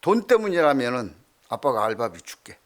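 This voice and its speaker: A middle-aged male pastor preaching a sermon, telling stories with swings from loud to hushed. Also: mid-range voice, big pitch swings, fairly quick.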